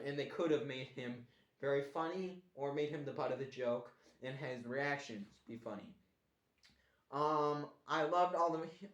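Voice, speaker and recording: A man casually reviewing a cartoon show in a put-on Australian accent, rambling and restarting his sentences. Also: a little high. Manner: rambling with restarts, mock-complaining. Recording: echoey room.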